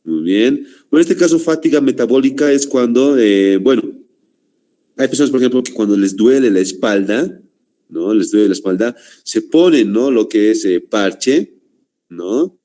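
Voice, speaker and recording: A man with a Bolivian Spanish accent lecturing a class, halting with fillers and constant "¿no?" tags. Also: mid-range voice, animated, dark tone. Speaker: teacher.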